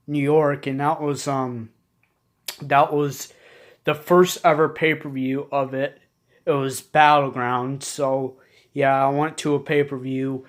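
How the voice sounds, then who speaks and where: Slow, flat-voiced young man rambling. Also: fairly high pitch. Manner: rambling, repeats himself, frequent restarts. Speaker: vlogger. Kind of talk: casual late-night vlog chat.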